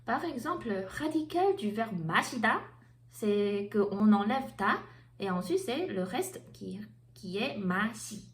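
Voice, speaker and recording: A Korean-native woman teaching a language lesson, explaining slowly and carefully and switching between two languages. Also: medium pitch, expressive, reverberant.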